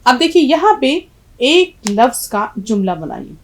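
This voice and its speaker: A woman's voice: high voice, big pitch swings, low-quality recording. A middle-aged woman teaching a language lesson, patiently explaining letters and quizzing her students. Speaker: Urdu teacher.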